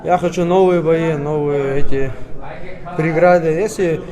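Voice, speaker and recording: A man from Kyrgyzstan, a fighter giving casual interview answers just after a bout, winded and coughing a little, in halting phrases. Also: a little high, steady tone. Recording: busy crowd noise behind. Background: crowd at a fight event.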